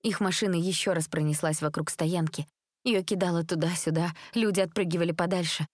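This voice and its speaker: A woman narrating a story aloud in a steady storytelling manner. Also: on the low side, a little fast, no echo, studio quality. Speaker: reader.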